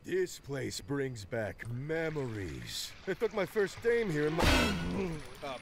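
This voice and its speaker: An actor playing a seedy, nostalgic male street goon in a noir crime game, rambling in a gravelly voice. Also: fairly high pitch, wildly swooping pitch, slow, faint music behind, heavily acted. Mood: wistful.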